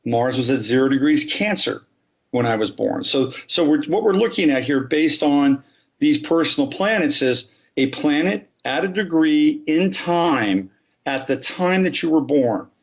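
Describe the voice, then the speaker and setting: This astrologer, a man appearing as a podcast guest, explains things in an orderly, example-by-example way. His voice is a little high and expressive, moving at a measured pace over lo-fi sound.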